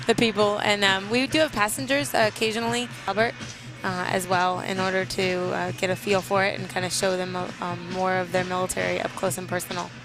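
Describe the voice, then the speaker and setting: A woman's voice: mid-range voice, flat delivery, fairly quick, over music, poor audio. A woman from a military flight team giving live air show commentary as an interview guest, explaining things informally.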